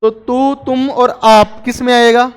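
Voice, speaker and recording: A man gives a classroom grammar lecture in a high, smooth, resonant voice. He keeps the tone chatty and breaks in with joking asides to his students. The recording has a long, hall-like reverb. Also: level tone, takes it slowly. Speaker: teacher.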